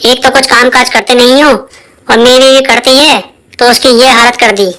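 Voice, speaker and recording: A woman's voice: mid-range voice, fairly even intonation, measured pace, pitched below the performer's own voice, natural voice. A woman playing a hot-headed young husband. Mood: angry. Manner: scolding, indignant. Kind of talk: cartoon voice acting.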